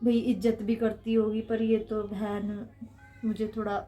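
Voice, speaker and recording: A woman's voice: medium pitch, little pitch movement, unhurried, warm tone, slight background noise, natural voice. A middle-aged woman with a Haryanvi accent playing a chatty, gossipy mother-in-law in a comedy skit. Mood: contrite.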